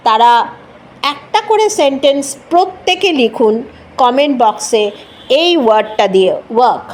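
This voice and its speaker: A woman with a Bengali accent teaching an English word, patiently repeating each sound and mixing English into her Bengali. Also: sits high. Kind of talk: explanatory lesson.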